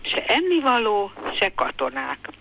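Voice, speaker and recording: Older lady reading her own memoir on the radio, slow and calm, bright clear-ish voice. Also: medium pitch, poor audio. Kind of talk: memoir passage read aloud.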